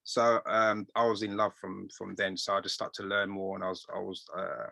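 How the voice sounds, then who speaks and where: A middle-aged man, a tailor being interviewed, telling stories in a rambling, animated way and quoting voices. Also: low voice, moderate pace, vocal fry, no room sound. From England. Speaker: guest tailor. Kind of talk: casual interview storytelling.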